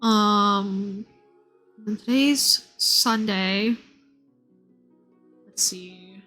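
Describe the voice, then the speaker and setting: A woman game streamer with a medium-pitched, sharp-toned voice talks extremely slowly, chatting casually and commenting on her play. Her talk is informal and meandering as she thinks aloud, with background music playing behind her.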